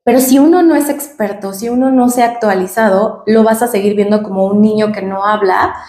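Speaking to the camera with a Mexican Spanish accent, a woman speech therapist gives a patient, explanatory lesson, demonstrating sounds as she goes. Her voice is medium-pitched and darkish, in an echoey room.

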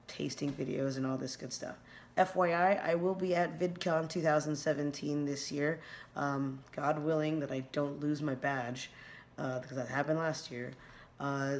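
Recorded by a close camera's built-in mic in a small indoor room at night, a woman in her thirties chats loosely while unboxing. Her voice is low, hoarse and scratchy, and she keeps rambling, restarting and filling gaps.

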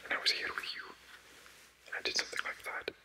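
A sly, scheming courtier's ghost leans close, voiced by a man in a whispered role-play. The whisper is bright and crisp, all breath and no tone. He teases and confides his secrets softly. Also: quick pace, low-quality recording. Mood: sly confiding.

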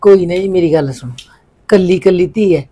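A woman's voice: fairly low pitch, normal speed, lightly acted. Woman playing a middle-aged village mother, indulgent. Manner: indulgent, calmly arguing back. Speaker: mother of a college girl. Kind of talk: village family drama acting.

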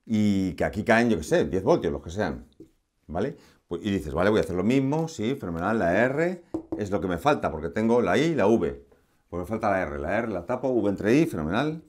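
Man, electronics teacher, chatty and playful, lowish voice, lesson recorded at a board. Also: darkish tone. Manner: chatty, asks rhetorical questions, playful asides.

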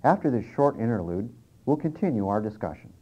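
Heard on a dull transfer of an early-1990s cassette, this man speaks at medium pitch, very animated and a little fast. He is the presenter and interviewer, delivering scripted instructional content.

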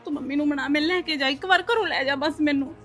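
A woman's voice: high voice, quick pace, fairly bright tone, soft background music. A young woman playing a frightened, tearful girl who pleads anxiously with her friend. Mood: panicked, tearful. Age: young adult. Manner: pleading, crying. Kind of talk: film acting.

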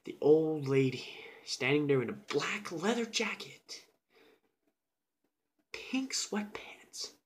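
A young man recounts a scary night in a loose, casual way. He drops into whispers for the tense parts and bursts out loudly when excited. The talk is full of fillers and quick asides. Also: fairly high pitch. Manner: animated, with sudden whispers and shouts. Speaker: storyteller. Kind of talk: casual storytelling.

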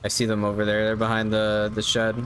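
A man's voice: on the low side, monotone, brisk, a bit bright, soft background music. A man in his thirties giving casual live gameplay commentary, easygoing and musing to himself as he plays. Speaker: game streamer. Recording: clear background game noise. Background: game ambience.

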